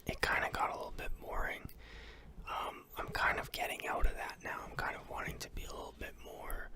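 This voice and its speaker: ASMR whisper vlogger, fully unvoiced breathy whisper, loose chatty rambling, swears freely, close mic. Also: fairly quick. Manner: rambling and casual, with ums, swearing and restarts. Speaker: YouTuber. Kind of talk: ASMR whisper about their day.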